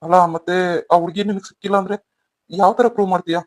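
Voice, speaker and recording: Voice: medium pitch, steady tone, fast, no echo, studio quality, close to an everyday voice. A voice actor playing a doubtful young man in a cartoon story, asking probing questions.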